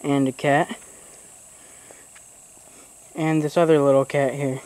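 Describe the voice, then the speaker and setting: A young man filming a casual tour of a rented farmhouse, talking in a relaxed, plain, slightly halting way. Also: mid-range voice. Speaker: family member filming a house tour. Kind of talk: casual handheld house tour. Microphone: handheld camera.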